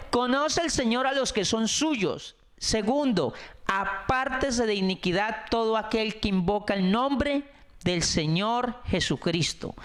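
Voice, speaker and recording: A high-pitched middle-aged man preaching a sermon as pastor. He talks earnestly and repeats his key phrases, slowing down and speeding up for emphasis. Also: fairly bright tone. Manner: earnest, repetitive preaching with varied pace and emphasis.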